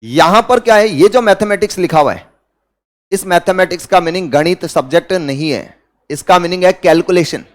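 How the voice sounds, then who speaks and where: High-voiced Indian man teaching grammar. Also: moderate pace. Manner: asks students questions and answers them himself, repeats key words. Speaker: English teacher. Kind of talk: classroom grammar lecture.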